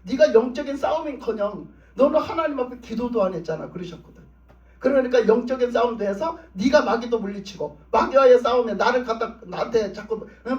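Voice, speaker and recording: Male pastor, very high voice, emphatic repetitive sermon, echoey distant church sound. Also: darkish tone. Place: church sanctuary. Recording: roomy, distant, dull church recording.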